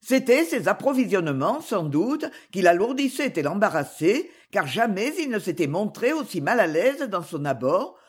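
A woman narrating a novel chapter as an audiobook reader, with measured, expressive storytelling. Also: mid-range voice, husky. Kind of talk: scripted narration.

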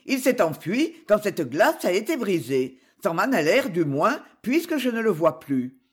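Brief: a woman playing an aggrieved cabman, blunt and complaining, lively delivery. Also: medium pitch, moderate pace, breathy edge. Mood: grumbling. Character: grumbling male cab driver, aggrieved. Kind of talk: audiobook character reading.

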